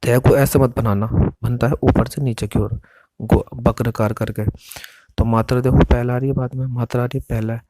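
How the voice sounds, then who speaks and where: Flat-voiced man teaching shorthand. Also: mid-range voice, dry recording. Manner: patient, explains each stroke slowly and repeats readings. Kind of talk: step-by-step classroom instruction.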